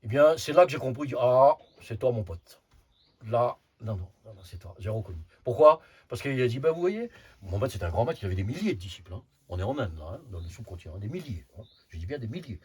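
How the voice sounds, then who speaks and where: Very husky, lively older man teaching. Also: medium pitch, fast talker, hardly any pauses. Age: over 50. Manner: repeats words, frequent "hein" tags, emphatic bursts. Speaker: Sufi spiritual teacher. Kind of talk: informal spiritual teaching talk.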